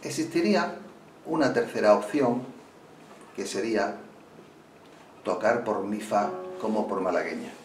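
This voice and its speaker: A man with a fairly low voice talks through a flamenco guitar lesson in a calm, explanatory way. He sits back from the mic, so his voice sounds roomy and a little distant. Loud guitar playing rings out between his words. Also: unhurried, long pauses.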